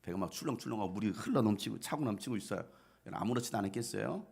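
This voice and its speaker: A male pastor delivers a conversational sermon, often turning to his listeners with rhetorical questions. His voice is gravelly and a little husky. His pitch moves in lively swings. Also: very fast.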